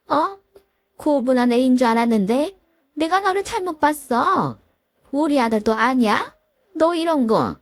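A woman's voice: sits high, no room sound, voice pushed up. A woman voicing a domineering, scolding older mother-in-law in a commanding tone.

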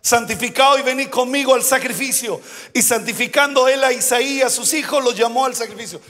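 A male pastor preaching a sermon, asking the congregation questions and shouting out the key words. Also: very high-pitched, brisk, long reverb tail.

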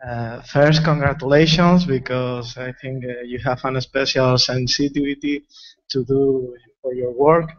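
A man in the audience asking a question at a lecture, in halting English full of fillers. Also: mid-range voice, fairly even intonation, no room sound, muffled recording. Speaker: audience member.

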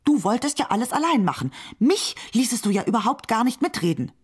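A woman voicing God's irritable left hand, snapping back in a quick, peevish way. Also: on the high side, very animated, slightly rough, pitched above the performer's own voice. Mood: irritated.

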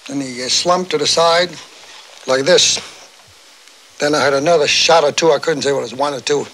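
A distressed man giving a halting eyewitness account in a live television interview. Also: a little high, a bit bright, poor audio. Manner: halting, hesitant. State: shaken, distressed. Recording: 1960s live television broadcast with background noise.

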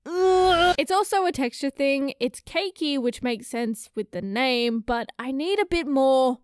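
A young Australian woman recording voice-over, handing out quick joking verdicts on snacks. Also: sits high, expressive, no echo. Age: young adult. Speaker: vlogger giving snack ratings. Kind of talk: voice-over commentary. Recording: dry voice-over, faint music.

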